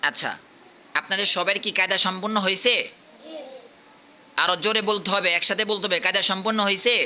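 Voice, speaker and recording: Guy from bangladesh running a madrasa class, really bright voice, keeps coaxing kids to speak up, bit of hiss behind. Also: sits high, little pitch movement, fast. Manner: coaxing, repeats questions, urges louder answers. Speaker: madrasa teacher. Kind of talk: classroom quizzing.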